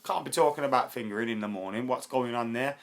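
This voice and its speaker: A young man hosts a live football chat stream on his YouTube channel, chatty, excitable and quick to laugh. His mid-range voice sounds hoarse and worn.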